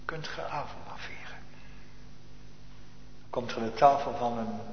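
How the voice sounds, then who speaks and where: Dutch preacher booming and hushing in an echoey church. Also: male voice, unhurried, slight background noise. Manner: swings from hushed asides to loud emphatic declamation; old-fashioned churchly Dutch, speaking to the congregation. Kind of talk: sermon. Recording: echoey church hall, dull lo-fi.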